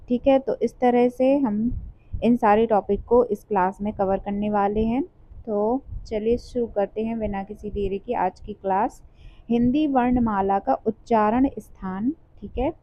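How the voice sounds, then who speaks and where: A woman teaching an exam-prep lesson, explaining step by step and sounding out letters, often checking in with "theek hai". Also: on the high side. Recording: dull lo-fi sound.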